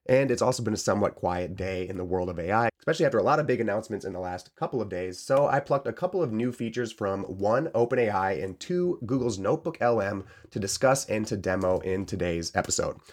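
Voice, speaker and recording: A man's voice: lowish voice, expressive, fast, hardly any pauses. A man hosting a solo tech podcast, upbeat and explanatory, taking care with a tired voice. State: saving a tired voice. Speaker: podcast host.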